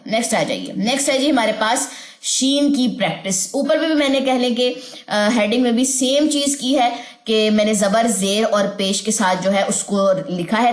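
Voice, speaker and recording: A woman teaching an online recitation lesson, patiently drilling sounds slowly and repeating them many times. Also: mid-range voice, roomy sound.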